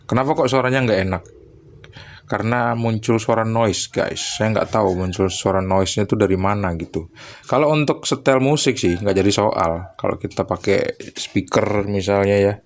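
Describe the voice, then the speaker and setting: A man's voice: lowish voice, normal speed. A man casually explaining audio equipment to his viewers, chatty and stopping now and then to recall details. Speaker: electronics tech vlogger.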